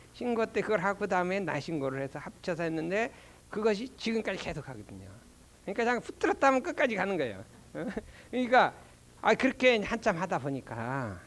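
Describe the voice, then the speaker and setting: An older man, a Won Buddhist minister, giving a doctrine lecture with animated storytelling and rhetorical questions. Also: sits high. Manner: slow chanting recitation of prayer.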